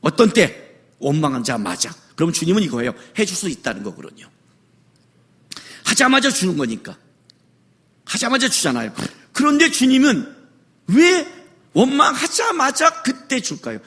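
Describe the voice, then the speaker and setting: A man's voice: sits high, huge pitch swings, normal speed, long pauses, bright, forceful tone. A middle-aged man preaching a sermon as a pastor, full of rhetorical questions and acted-out bits of dialogue.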